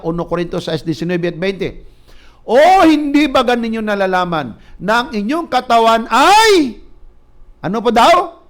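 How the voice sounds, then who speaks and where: A man with a high voice preaches a sermon, reading scripture aloud and telling animated stories. He gets loud when he stresses a point, and he drops English words into his preaching. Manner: animated storytelling, rising loud for emphasis. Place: church or ministry broadcast.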